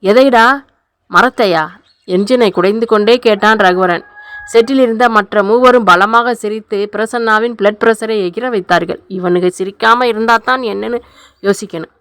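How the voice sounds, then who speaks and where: A woman narrating a novel aloud, voicing the dialogue in a lively, colloquial way. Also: mid-range voice, moderate pace, smooth. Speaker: audiobook narrator. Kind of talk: novel reading with character voices.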